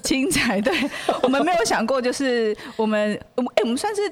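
A woman's voice: high-pitched, lively intonation, brisk. A woman hosting a podcast in casual chat, enthusiastic and laughing a lot. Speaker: podcast host.

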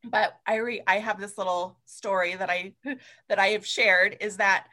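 A woman guest on an interview podcast, telling lively stories, swearing freely and laughing often. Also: mid-range voice, moderate pace. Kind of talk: casual interview chat.

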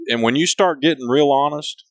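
In a casual interview, a male company head speaks frankly, rambling and frequently starting his sentences over. His voice sits on the high side and moves briskly, with a big, personable presence. The audio is poor, though there's no room sound.

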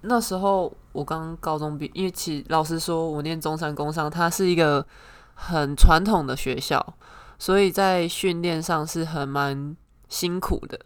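A woman's voice: deep voice, fairly even intonation, normal speed, clean tone. A young woman with a Taiwanese Mandarin accent, a podcast guest, answering modestly and laughing at herself in casual chat. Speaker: volleyball player guest.

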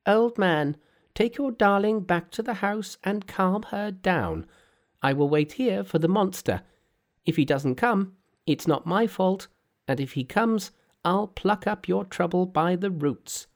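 Monkey, a man doing a brash high voice. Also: lively intonation, unhurried. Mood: cocky. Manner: brash, teasing, high-pitched put-on voice. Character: boastful mischievous male monkey hero, cocky.

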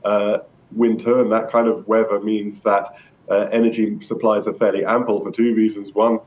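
A low-pitched man gives explanatory interview answers as an energy expert. He is measured, now and then repeating himself, over a dull remote line. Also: level tone, darkish tone. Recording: muffled remote line with rumbling noise.

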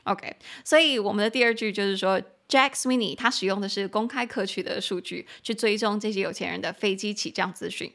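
A woman hosting a podcast English lesson, chatty and going slowly when she spells words and syllables. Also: medium pitch, a bit bright. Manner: chatty asides to the listener. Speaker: podcast host and English teacher.

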